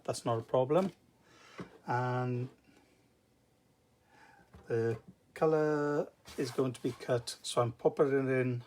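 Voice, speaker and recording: A man with a Welsh accent giving a casual, informal craft tutorial, explaining step by step. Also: medium pitch. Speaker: craft demonstrator. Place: indoor craft table. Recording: noticeable background noise with clicks.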